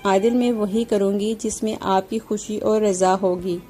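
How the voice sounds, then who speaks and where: A woman voicing a shy young bride who speaks softly and timidly. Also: medium pitch, fairly even intonation, faint music behind, lightly acted. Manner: soft, timid.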